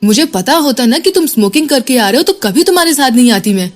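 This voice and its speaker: A woman voicing a hungry, hot-tempered young woman who scolds her boyfriend in rapid, shrill bursts. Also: very animated, a little mellow, faint music behind. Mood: angry scolding.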